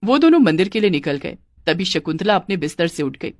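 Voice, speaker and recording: A woman narrating a cartoon family story in a plain, even storytelling voice. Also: on the low side, fairly quick, dry recording.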